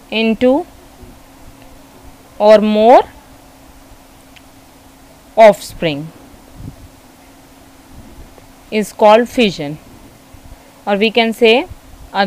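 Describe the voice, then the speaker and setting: An Indian woman teaches a school science lesson in a mix of Hindi and English. She dictates definitions very slowly, word by word, in a smooth and clear voice. She keeps reminding her students to listen carefully. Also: fairly high pitch, rough recording. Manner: slow, dictating notes word by word, switching between Hindi and English. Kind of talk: Hindi-English classroom lecture.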